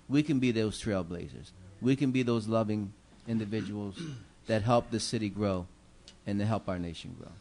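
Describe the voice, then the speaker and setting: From his seat at the council dais, a middle-aged commissioner talks into a gooseneck desk mic, offering holiday remarks in an earnest, preacherly style with lots of fillers. His voice is lowish and dark-toned, moderately paced and rarely pausing.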